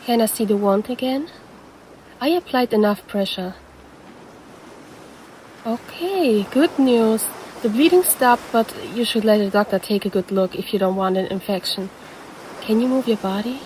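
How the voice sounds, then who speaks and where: A woman's voice: fairly high pitch, animated, normal speed, long pauses, darkish tone, slight background noise, lightly acted, rough recording. A woman voicing a predatory female siren who poses as a lifeguard and teases the listener in an audio roleplay. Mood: concerned, puzzled. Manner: teasing, calls the listener handsome.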